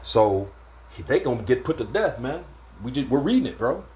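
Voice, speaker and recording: A man's voice: mid-range voice, big pitch swings, normal speed, a little mellow, a little hiss or hum. A man giving an informal scripture lesson in a laid-back way, stumbling often and filling gaps with "man" and "uh". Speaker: religious teacher.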